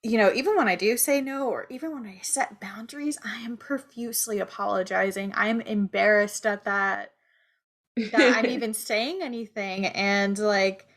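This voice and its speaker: A woman's voice: medium pitch, moderate pace, a bit bright. Woman co-host, loose and frank, casual podcast chat. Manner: candid, loose, swears casually.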